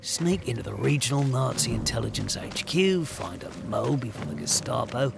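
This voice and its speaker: Gruff cockney spy in a war game, thick accent, real gravelly, music going underneath. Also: male voice, mid-range voice, expressive, normal speed. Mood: determined. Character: male British wartime special agent, gruff. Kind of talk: video game dialogue.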